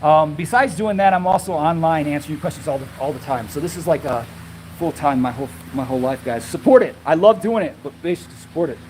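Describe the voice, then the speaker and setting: A man's voice: fairly high pitch, animated, fast, a little mellow, a little hiss or hum, low-quality recording. A man streaming live from an alligator farm on his phone, chatting casually, rambling and restarting his sentences, out of breath. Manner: rambling, repeats himself, restarts often. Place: outdoors at an animal farm.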